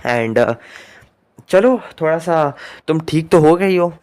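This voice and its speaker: A man's voice: a little high, animated, slow, a little mellow, pitched above the performer's own voice. A man voicing a smitten, affectionate young man in a homemade story, close to his own voice. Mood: tender. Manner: affectionate, pleading.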